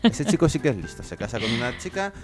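A man co-hosts a community radio show from the studio, teasing and chatting in a playful way. His pitch moves up and down a lot. Music plays clearly behind him. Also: very animated, fast. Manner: playful, teasing, repeats himself. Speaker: radio co-host. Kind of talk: casual radio chat.

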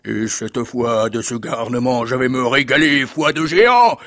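A man voicing a huge, ferocious male ogre in a read-aloud fairy tale, booming, slow and menacing. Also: fairly bright tone.

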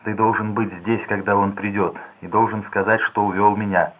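A man's voice: lowish voice, level tone, normal speed, natural voice. Frightened young heiress, read by a man. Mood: desperate. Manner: pleading, fearful. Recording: tinny phone-like lo-fi sound.

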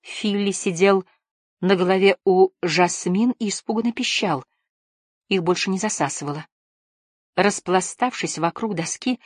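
Husky woman reading a story. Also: fairly low pitch, dry recording, clean studio sound. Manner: steady storytelling. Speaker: audiobook narrator. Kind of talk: scripted narration.

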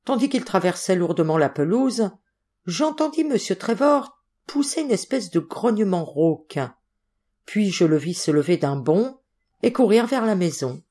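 A woman narrating an audiobook story in a measured, expressive reading. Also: mid-range voice. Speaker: audiobook reader.

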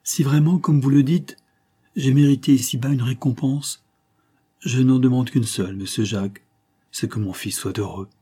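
A man voicing a gentle, melancholy young mother in an audiobook, speaking softly and modestly. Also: mid-range voice, moderate pace, husky, voice pushed up, natural voice. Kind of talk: audiobook character voice.

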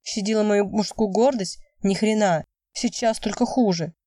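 Woman reading audiobook, mellow tone, dry sound, mic a bit far off. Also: mid-range voice, fairly even intonation, normal speed, no echo. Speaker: audiobook reader. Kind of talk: first-person audiobook narration.

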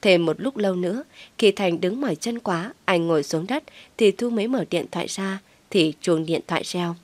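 Woman reading a story out, steady, low-ish voice, dead dry sound. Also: moderate pace, no room sound. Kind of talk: scripted story narration.

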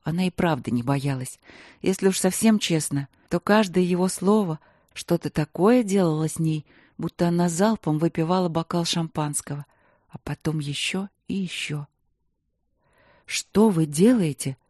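An audiobook narrator reading a romance fantasy in an even, measured storytelling manner. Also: mid-range voice, no room sound, clean studio sound.

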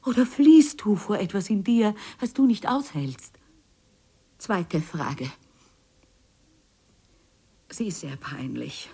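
An actress playing a neglected wife confronting her husband in a radio play, moving between hushed whispers and tearful pleading. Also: medium pitch, breathy edge, exaggerated voice. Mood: probing.

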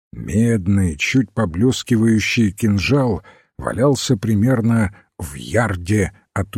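A man narrating an audiobook in a measured, even storytelling manner. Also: deep voice, slightly rough, dry recording, clean studio sound. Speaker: audiobook reader. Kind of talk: scripted narration.

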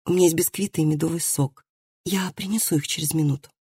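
A reader voicing a shy, timid young woman in an audiobook, who speaks softly and hesitantly. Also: mid-range voice, steady tone, quick pace, breathy edge, no room sound, clean studio sound. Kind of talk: audiobook dialogue reading.

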